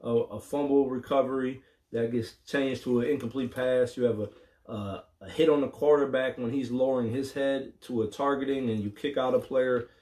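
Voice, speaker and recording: A man's voice: mid-range voice, fairly even intonation, normal speed, mellow. Frank casual man talking sports. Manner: frank, hesitant with many ums, mildly profane. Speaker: sports talk host.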